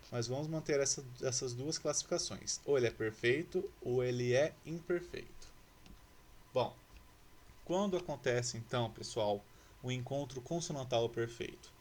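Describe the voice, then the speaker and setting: Brazilian portuguese guy teaching grammar to kids, slow and patient, spells stuff out, slight hiss. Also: mid-range voice, darkish tone. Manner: patient, spells out letters and syllables slowly. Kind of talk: grammar lesson for schoolchildren.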